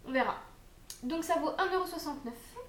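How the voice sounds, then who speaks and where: A woman's voice: high-pitched, brisk. A young woman chatting casually as she unboxes and reviews food products, with frequent hesitations and fillers. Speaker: unboxing vlogger. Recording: echoey room.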